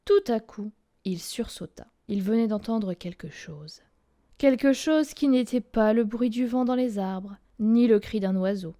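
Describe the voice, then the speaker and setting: A woman reading a children's story aloud, in a lively, expressive way. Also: a little high, measured pace.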